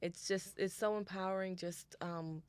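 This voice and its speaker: Woman, podcast co-host, lowish voice, animated storyteller, dry close sound. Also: moderate pace, clear, resonant tone, no echo. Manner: animated storytelling, repeats phrases, spiritual talk. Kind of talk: casual podcast chat.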